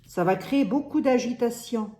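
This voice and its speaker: A fairly high, mellow female voice at a moderate pace, heard in an echoey room, belongs to a tarot reader with a Lorraine French accent. Her card-reading monologue is casual and hesitant, with frequent restarts and "hein".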